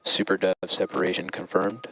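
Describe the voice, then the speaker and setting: A man's voice comes through a distant space radio loop, repeating short mission callouts. His delivery is flat and procedural, with clipped phrases that carry no emotion. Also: low voice, moderate pace, creaky, noisy background. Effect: distant radio loop audio from mission control. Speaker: launch control operator.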